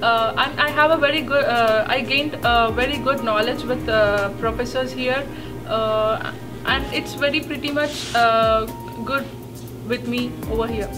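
A woman's voice: fairly high pitch, steady tone, a little slow. A young woman with an Indian English accent, a new graduate giving a hesitant testimonial full of fillers. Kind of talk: testimonial interview. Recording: distant mic, background music.

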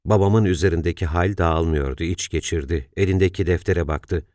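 Deep-voiced male audiobook narrator. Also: no echo, clean studio sound. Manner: calm, measured storytelling.

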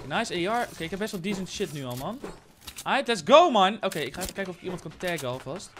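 Excitable young man gaming, high voice. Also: quick pace, noisy background. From Netherlands. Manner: excitable, sprinkles English slang and swearing. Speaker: gaming YouTuber. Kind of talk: let's play commentary.

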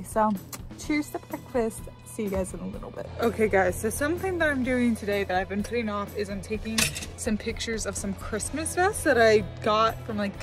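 Chatty young woman vlogging from her RV. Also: mid-range voice. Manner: chatty, rambling, lots of "like" fillers. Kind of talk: casual vlog chat. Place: inside an RV.

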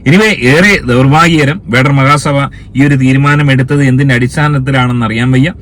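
A man's voice: mid-range voice, moderate pace, a bit bright. A man hosting a commentary video, scolding and indignant, firing rhetorical questions in a heated opinion rant. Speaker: commentary channel host.

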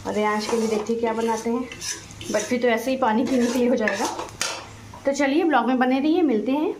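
A woman's voice: on the high side, fairly quick. A woman in her thirties chatting away in a rambling, motherly way while cooking, filmed on a phone at arm's length in a small home kitchen. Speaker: vlogger. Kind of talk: casual cooking vlog chat. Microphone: phone camera at arm's length. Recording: echoey kitchen, faint frying noise.

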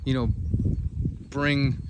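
A man's voice: mid-range voice, little pitch movement, very slow, background noise. A man telling a casual story on a walk-and-talk farm vlog, rambling with many fillers as he walks through a pasture. He is recorded on a handheld phone out in the open. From United States. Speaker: farmer and channel host. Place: outdoors in a farm pasture with cattle.

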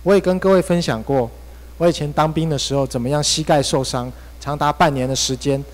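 A Taiwanese-accented male pastor preaches through a personal story, his delivery swinging between hushed and emphatic. His voice sits a little high for a man. The church hall adds a long, lingering reverb. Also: fairly quick. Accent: Taiwanese Mandarin. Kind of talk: sermon.

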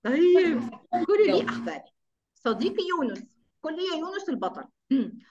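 Woman teaching little kids over a video call, super high bouncy voice, dull lo-fi call audio w faint hiss. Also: brisk. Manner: animated, coaxing, heaps praise on children. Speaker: kindergarten teacher. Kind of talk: online class for young children.

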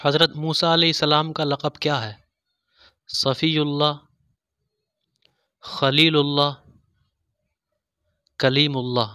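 Crisp, bright-voiced man reading quiz questions. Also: a little high, level tone, no room sound, clean studio sound. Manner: reads each question, pauses over the options, then states the answer. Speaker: quiz host. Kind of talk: scripted quiz narration.

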